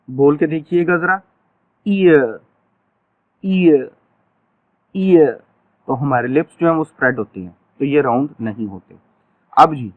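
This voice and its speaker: Male teacher, measured classroom pace, repeats sounds for students, tinny lo-fi recording. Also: on the high side. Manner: slow, drawn-out, repeats example sounds. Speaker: phonetics teacher. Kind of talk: classroom lecture. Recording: tinny phone-like audio.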